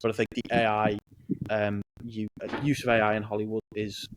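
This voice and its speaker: A man hosting a podcast, talking in an earnest, deliberate way and correcting himself as he goes. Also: on the low side, flat delivery, slight background noise, rough recording. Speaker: podcast host. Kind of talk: casual podcast chat.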